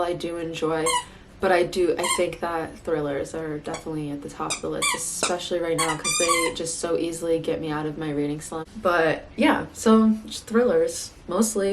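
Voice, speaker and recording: A young woman with a lowish voice talks through a casual vlog tag, rambling and circling back on herself with plenty of fillers. A faint hiss of room noise sits under her voice. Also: low-quality recording. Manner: rambling, filler-heavy, self-correcting. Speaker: booktube vlogger. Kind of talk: casual tag video chat.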